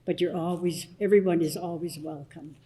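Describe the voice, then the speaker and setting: Older woman elder opening a community assembly; slow, soft and halting, low warm tone. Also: fairly even intonation, slightly rough, low-quality recording. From Blood Tribe, southern Alberta, Canada. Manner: soft-spoken, halting, many pauses and restarts. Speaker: elder leading smudge ceremony. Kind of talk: opening blessing and explanation at a public assembly.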